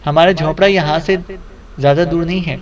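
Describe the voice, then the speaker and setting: A man's voice: on the high side, fairly even intonation, dull audio, natural voice. Teasing young woman, read by a man.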